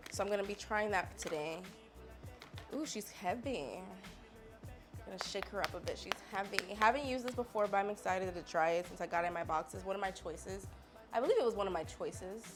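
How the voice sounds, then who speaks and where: A woman's voice: mid-range voice, fairly quick, over music. A woman, chatting casually and sassily to viewers while testing makeup. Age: 20s. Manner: chatty, sassy, talks straight to viewers. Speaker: beauty vlogger. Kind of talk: casual makeup haul chat.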